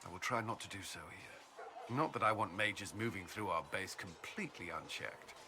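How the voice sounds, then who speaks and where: The actor's low voice sounds close to everyday speech as he plays an earnest military commander in a fantasy game, with background noise present. Measured and dutiful, he hesitates a little and halts when flustered.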